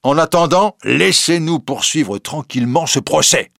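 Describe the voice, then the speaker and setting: A man's voice: on the high side, animated, measured pace, gravelly, a bit bright, a little hiss or hum, pitched above the performer's own voice, heavily acted. A man voicing an irritable, stern male court president who speaks curtly and sharply.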